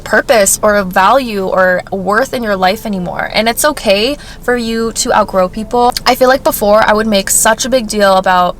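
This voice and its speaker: A woman's voice: medium pitch, moderate pace, hardly any pauses, fairly bright tone, a little hiss or hum. A young woman chatting casually through a Q&A vlog she films herself, sometimes talking while chewing a snack. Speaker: vlogger. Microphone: self-filmed on camera.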